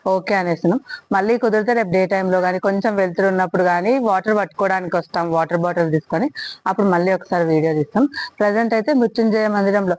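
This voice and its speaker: A woman's voice: medium pitch, darkish tone, dry recording, rough recording. A woman, talking in a fervent, rambling way in a casual devotional travel vlog recorded outdoors at a temple at night. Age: 30s. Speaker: travel vlogger.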